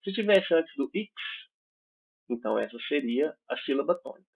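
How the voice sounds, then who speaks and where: A man's voice: on the high side, big pitch swings, moderate pace, gravelly, husky. A Brazilian man teaching an online English class, explaining patiently and checking in with his students often. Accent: Brazilian Portuguese. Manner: explanatory, checks in with frequent "certo?" and "né?". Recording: tinny phone-like audio.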